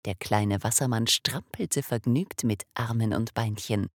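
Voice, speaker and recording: A woman reading a children's story aloud, expressive and animated, sometimes dropping to a whisper. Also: rumbling low, unhurried, husky, dry recording, clean studio sound.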